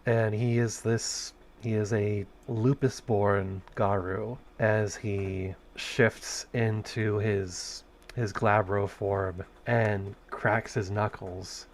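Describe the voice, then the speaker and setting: A man's voice: fairly low pitch, little pitch movement, very slow, slight background noise. A man narrating a tabletop game as game master, hesitant, restarting phrases and counting dice aloud.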